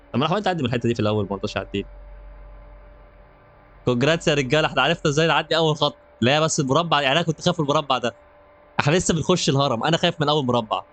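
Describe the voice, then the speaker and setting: A man's voice: a little high, racing, long pauses, fairly bright tone. A young man with an Egyptian Arabic accent, giving jokey, nervous commentary while playing a horror game. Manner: jokey, nervous, laughs often. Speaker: gaming channel host. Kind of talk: let's play commentary.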